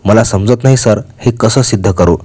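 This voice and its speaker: A man's voice: on the low side, moderate pace, dark tone, husky. A man reading the lines of a frightened young village wife in a crime story, pleading and shaken.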